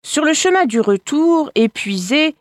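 A woman storyteller reading a folk tale aloud with expressive delivery, addressing her listeners directly. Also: high-pitched, measured pace, no room sound. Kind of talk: scripted narration of a folk tale.

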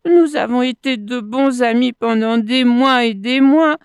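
A gullible male crocodile from a storybook, put on by a woman reading aloud, his voice pushed up high and bright with eagerness. He wheedles and coaxes, and the sound is dry and close. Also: big pitch swings, a little slow, no echo. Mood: pleading. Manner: wheedling and coaxing.

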